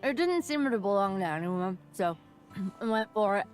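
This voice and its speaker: A woman's voice: mid-range voice, normal speed, soft background music, natural voice. Woman voicing a laid-back, food-loving fighter. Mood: easygoing. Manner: relaxed and offhand. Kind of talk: game voice acting.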